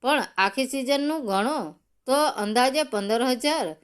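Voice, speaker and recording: A woman's voice: high-pitched, unhurried, clean tone. A woman voicing an older male farm owner who speaks plainly and respectfully.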